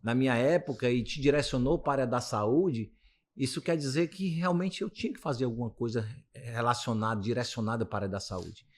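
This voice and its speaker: A physiotherapist in his late fifties with a Brazilian accent answers interview questions in a mid-range voice, going a little fast. His talk is casual and meandering, full of restarts.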